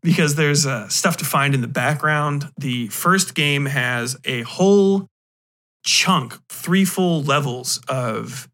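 This male podcast host's voice is a little high and sharp, and he takes his time. His unscripted, casual review rambles along emphatically, peppered with profane slang.

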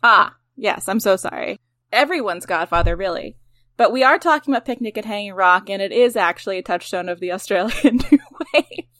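A woman's voice: medium pitch, brisk, pushed and bright, dry recording. A woman hosting a podcast in casual chat, talking in a chatty, self-deprecating way with many fillers. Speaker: podcast host.

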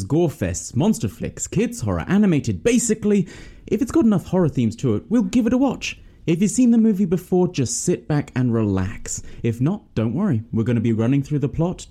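Lively, mellow male podcast host. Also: mid-range voice. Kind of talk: casual podcast chat and scripted intro.

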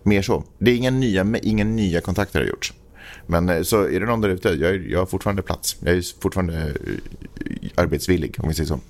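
A man co-hosting a casual podcast, rambling and joking, often restarting his sentences. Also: deep voice. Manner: rambling, self-interrupting, joking. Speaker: podcast co-host. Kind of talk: casual chat.

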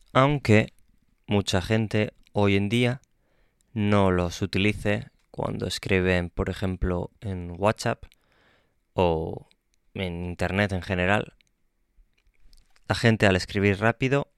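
A man hosting a podcast lesson, explaining patiently and calmly with small self-corrections. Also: deep voice, smooth, no echo, studio quality. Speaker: Spanish teacher and podcast host. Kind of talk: slow, clear podcast lesson for learners.

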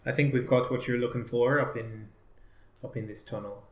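A man narrating as game master of a tabletop game, halting and full of fillers. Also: mid-range voice, fairly even intonation, a crowd in the background. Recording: echoey room with faint noise.

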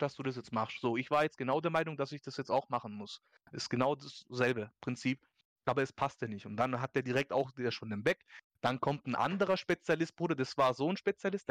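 A man's voice: medium pitch, no room sound, studio quality. A young man hosting a podcast, telling a story in casual, slangy German-style chat and acting out the people in it. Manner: animated storytelling, slangy, acts out quotes. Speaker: podcast host.

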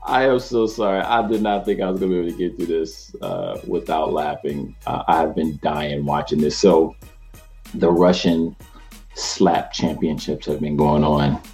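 Deep-voiced energetic man hosting a show. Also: normal speed, soft background music. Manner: energetic, chatty, laughs easily. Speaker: host, mortgage professional. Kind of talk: casual talk to camera.

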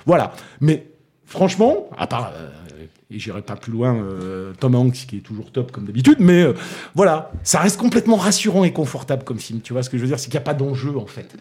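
A man with a Toulouse accent reviewing a film in casual chat, hesitant with many fillers and restarts, but animated in his critique. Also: medium pitch, brisk, husky.

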